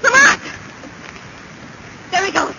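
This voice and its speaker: An anxious, loyal female sidekick with a high voice. She speaks in 1940s radio style on a noisy recording. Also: lively intonation, takes it slowly, vocal fry, exaggerated voice. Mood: alarmed. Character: anxious, loyal young lady sidekick of a detective.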